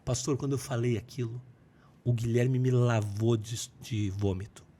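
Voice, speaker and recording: A man's voice: mid-range voice, fairly even intonation, normal speed, dark tone. A middle-aged man, a pastor giving an earnest testimony in a podcast interview, acting out the dialogue as he tells it. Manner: earnest storytelling, acts out dialogue.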